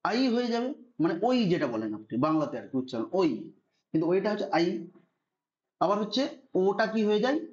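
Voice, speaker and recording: Teaching Sanskrit grammar online, this man patiently spells out rules and keeps checking understanding with "ঠিক আছে." He speaks quickly in a high-pitched, darkish voice with big pitch swings, and the sound is lo-fi.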